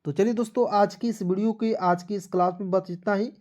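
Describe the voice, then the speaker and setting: Male teacher, spelling lesson, slow letter-by-letter spelling, soft mellow tone. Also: high voice, steady tone. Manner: spells words out letter by letter and keeps asking if it is clear. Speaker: English teacher.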